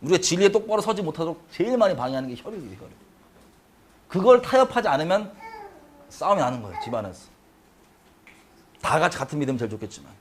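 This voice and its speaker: A middle-aged man leads a Bible study, preaching with lively energy. His voice sits fairly high. He jumps between quiet asides and loud acted-out lines when he quotes scripture. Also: fast talker, pauses often, a little hiss or hum. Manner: animated, acts out scripture quotes with sudden shifts in pitch and loudness.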